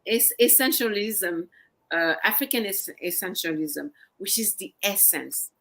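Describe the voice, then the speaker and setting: A woman guest on a talk show, speaking earnestly and gently in casual conversation and often repeating her phrases. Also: mid-range voice, animated, measured pace, vocal fry. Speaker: guest psychologist. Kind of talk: casual interview chat.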